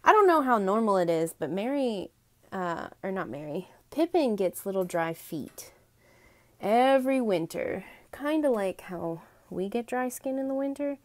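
A woman's voice: mid-range voice, lively intonation, measured pace. A young woman in her twenties chatting casually in a home vlog, talking sweetly to her pets. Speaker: vlogger. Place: home pet room, indoors.

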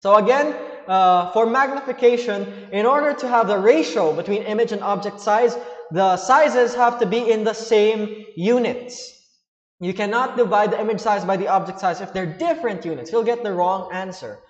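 A man's voice: high-pitched, moderate pace, reverberant, long reverb tail, dull audio. A man explaining a science lesson to students in a loose, chatty way, with fillers as he goes. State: hiccuping. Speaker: science teacher.

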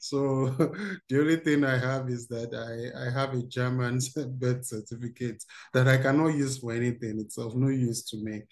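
A man's voice: mid-range voice, fairly even intonation, moderate pace. A man, running an interactive online workshop for teens over a video call. He talks in an upbeat way and reads out replies from the chat. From Nigeria. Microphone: video call webcam.

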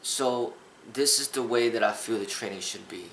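A man's voice: medium pitch, normal speed, a bit bright, echoey room, slight background noise, poor audio. A man in his thirties, a kung fu instructor, talking earnestly to the camera in a casual vlog, rambling with restarts. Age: 30s. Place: small indoor room with a sofa.

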